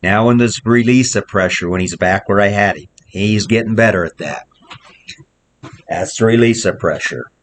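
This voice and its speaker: A man's voice: lowish voice, normal speed. A male horse trainer gives plainspoken commentary while working a horse outdoors in the snow, repeating short coaching phrases. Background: wind.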